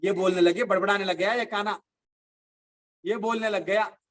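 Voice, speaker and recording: Man, high voice, devotional discourse, slow chanting of verses, lively storytelling. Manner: chants verses slowly, then explains them in animated storytelling. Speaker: religious teacher giving a discourse.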